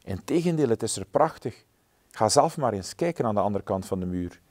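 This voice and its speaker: A man's voice: fairly low pitch, expressive, fairly quick, a little mellow. A man voicing a small, curious female mouse in a storybook reading, eager and wondering.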